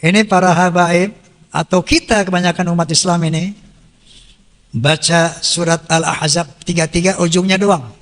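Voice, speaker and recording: A man's voice: high-pitched, steady tone, moderate pace, fairly bright tone. A man preaching a sermon. He quotes Arabic verses and then explains them, and he often asks a question and answers it himself. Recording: reverberant hall sound.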